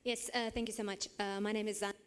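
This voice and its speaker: A woman from Latvia commenting from the audience in halting, hesitant phrases. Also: mid-range voice, flat delivery, clean tone. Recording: echoey hall with long reverb.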